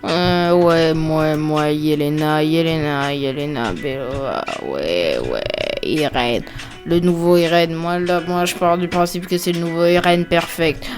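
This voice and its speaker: A woman's voice: deep voice, measured pace, faint music behind. A woman giving casual, joking, off-the-cuff commentary while ranking characters, with muttered asides. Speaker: video creator ranking characters.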